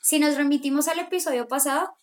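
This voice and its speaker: A young woman hosting a casual podcast chat, reading listener questions and reacting quickly. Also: sits high. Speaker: podcast host.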